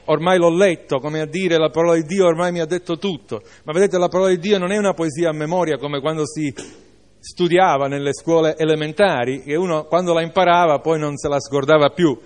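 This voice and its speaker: A man's voice: on the high side, darkish tone. A man preaching a sermon, reading a Bible passage aloud and then exhorting his listeners with informal asides.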